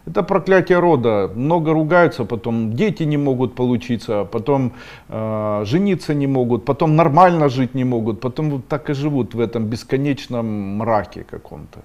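A middle-aged man runs an esoteric webinar, reading out viewers' questions and answering bluntly, at times scolding in sharp, rising outbursts. His medium-pitched voice has lively intonation and a normal speed, and the sound is lo-fi.

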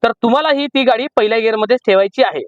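A man with a Marathi accent teaching driving from inside a parked car, explaining slowly and repeating each step. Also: very high voice, dry recording, phone-quality sound. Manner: repetitive, slow emphatic teaching. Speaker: driving instructor. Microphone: camera in the car.

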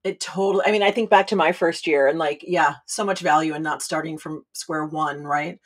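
A woman's voice: sits low, fairly even intonation, a little fast. A woman hosting a podcast interview, talking in a chatty way and often checking in with her listener as she speaks. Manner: chatty, tags sentences with "right?" and "you know". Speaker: podcast host.

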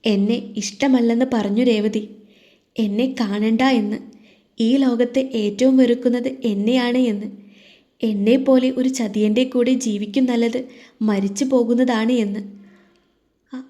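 A woman voicing a remorseful young man who quietly confesses his guilt to his lover. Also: on the high side, steady tone, unhurried, long pauses, lightly acted.

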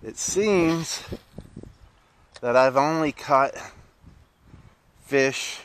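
Brief: middle-aged guy, slow halting fishing vlog talk, steady mid voice, outdoor noise. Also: mid-range voice, poor audio. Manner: slow, halting, many "uh"s and restarts. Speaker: fishing vlogger. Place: outdoors by a park pond. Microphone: camera on a stand, then head-mounted camera.

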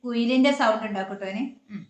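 A vlog host, a woman who explains game rules in a chatty, rapid flow. Her voice sits a little high. The recording carries a roomy echo from an indoor space at home. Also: fairly even intonation, a little hiss or hum. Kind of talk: casual chat.

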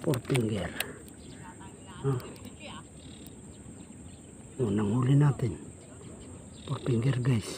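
A Filipino man vlogging while hunting fish alone from a boat, murmuring quietly as he stalks and speaking up when he moves spots. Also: medium pitch, extremely slow, gravelly, long pauses. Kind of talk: casual vlog commentary. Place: outdoors on a boat on a weedy lake. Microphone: action camera. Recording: outdoor ambience noise, wind.

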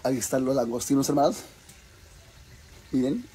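A man's voice: mid-range voice, normal speed, warm tone, slight background noise. A man with a Mexican accent, chatting casually and rowdily on a cooking live stream, swearing freely and calling his viewers sisters. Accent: Mexican Spanish. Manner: rowdy, swears freely, calls viewers "hermanas".

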